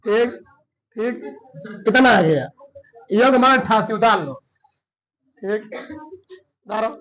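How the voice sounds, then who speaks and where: A man's voice: sits high, lively intonation, slow, a bit bright, poor audio. A man teaching a chemistry lesson, working through a problem in a colloquial way and often checking that his students follow.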